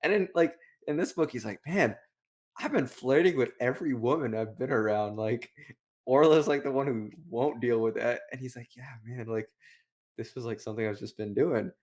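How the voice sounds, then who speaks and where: A man with a medium-pitched, darkish voice co-hosts a book review show at a moderate pace. He chats casually and slangily, retelling and commenting in a rambling way, sprinkling "like" everywhere.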